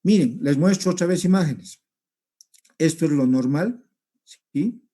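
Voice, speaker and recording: A man giving a recorded medical lecture over slides, explaining step by step and often checking with a quick "¿sí?". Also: fairly high pitch, expressive, dark tone. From Peru. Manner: explanatory, repeats points, checks with rhetorical "¿sí?".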